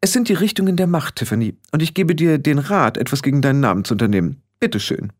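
A man's voice: a little high, very animated, fast talker, voice pushed up. A man reading an audiobook, voicing an imperious, condescending teenage witch girl in a raised voice. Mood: exasperated. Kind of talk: audiobook character voice.

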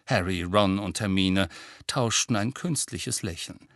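A man narrating a children's fantasy audiobook in an even storytelling manner. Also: low-pitched, unhurried, no echo, clean studio sound. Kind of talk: scripted narration.

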